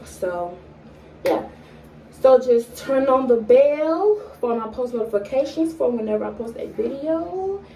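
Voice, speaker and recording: Speaking to the camera from a small room at home, a high-pitched young woman from Atlanta, Georgia, shares a casual get-to-know-me chat. Her pace is slow, with frequent fillers, pauses and occasional stutters. The arm's-length camera leaves her distant, echoey and a bit off-mic, with a little hiss or hum.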